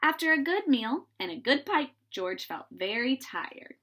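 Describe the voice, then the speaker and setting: A woman reading a children's story aloud in an animated, dramatizing way, with pauses for suspense. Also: high-pitched, husky.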